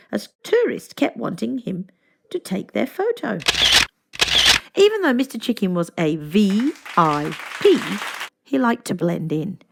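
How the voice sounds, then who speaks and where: A creaky, medium-pitched female voice narrates a children's story aloud. Her phrasing is deliberate and expressive, and her intonation is very lively.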